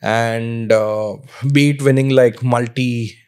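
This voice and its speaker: A man in his thirties with an Indian accent, a podcast guest telling animated stories in casual speech that slips into slang, close on a mic. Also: mid-range voice, slow, clear, resonant tone. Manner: animated storyteller mixing English with Hindi slang. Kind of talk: casual conversational storytelling. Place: small furnished living room, indoors. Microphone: podcast microphone on boom arm, close.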